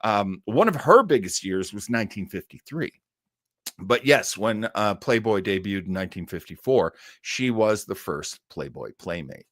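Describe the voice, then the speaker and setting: A middle-aged man hosts a web show about old time radio, answering audience comments in a casual livestream chat. His lowish voice has lively intonation, normal speed and a fairly bright tone. He rambles effusively and repeats words for emphasis, recorded at studio quality with no room sound.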